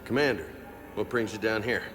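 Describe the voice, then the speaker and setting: In a video game cutscene, an actor voices a cocky young male marine who jokes around but stays loyal. His fairly low voice moves fairly quickly and sounds natural over music, and he's easygoing, casual, and quick to laugh.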